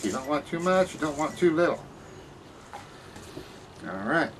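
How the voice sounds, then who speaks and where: A man's voice: on the high side, big pitch swings, measured pace. A man playing a cheerful, careless science professor in a spoof 1950s kids' TV broadcast, explaining things in a folksy, rambling way. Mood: casual, careless. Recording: distant mic with room noise.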